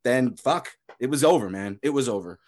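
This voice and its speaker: A man hosting a casual sports podcast who rambles in a relaxed way and swears freely. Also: mid-range voice, normal speed. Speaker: podcast host.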